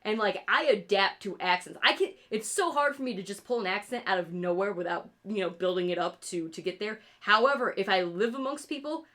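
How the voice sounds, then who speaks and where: Speaking a little fast with hardly any pauses, a woman with a fairly bright, mid-range voice and an upstate New York accent draws on a livestream. The rural New Yorker, a streamer and artist, rambles casually, swears frequently, and laughs at her own jokes.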